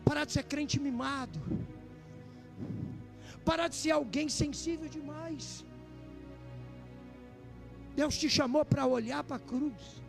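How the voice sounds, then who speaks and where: A man, preaching a sermon as pastor, with fervent delivery that climbs to shouting. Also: extremely high pitch, fairly even intonation, takes it slowly, creaky, long pauses, over music.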